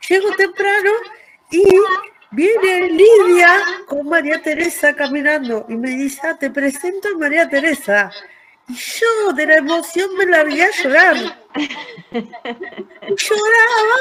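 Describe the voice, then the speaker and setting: Argentine woman, really high voice, chatty story on a call. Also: fairly bright tone, low-quality recording. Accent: Argentine Spanish. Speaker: workshop participant. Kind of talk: casual anecdote on a video call.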